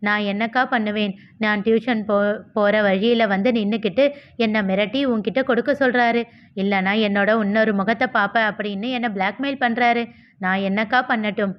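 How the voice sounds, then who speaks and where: A woman's voice: medium pitch, steady tone, fairly quick, lightly acted. A woman voicing a sly schoolgirl younger sister who plays innocent and whines, in a storybook reading. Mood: whiny. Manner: whiny, fake-innocent. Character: scheming timid-acting younger sister, schoolgirl. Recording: slightly dull lo-fi recording.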